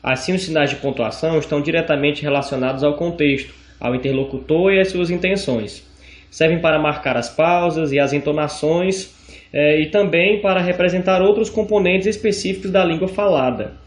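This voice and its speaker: Male teacher from Brazil, slightly high voice, patient audio-lesson delivery with drawn-out examples, roomy echo. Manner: explanatory, with fillers and slow stressed examples.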